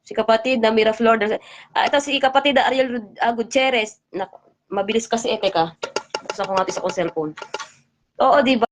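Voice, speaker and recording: A woman with a high, bright voice hosts a casual livestream chat. She rattles along at speed and turns indignant and scolding as she goes. Faint noise hums under her voice. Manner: indignant, scolding, talks fast. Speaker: livestream host.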